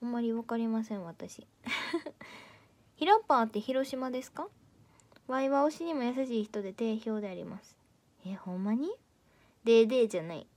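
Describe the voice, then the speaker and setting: A teenage girl with a Kansai Japanese accent chats casually on a livestream, reading out viewer comments. She teases her viewers playfully in a voice pitched a little above average. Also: moderate pace, pauses often, a little mellow. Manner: playful and teasing, chatty. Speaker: idol audition candidate streaming live.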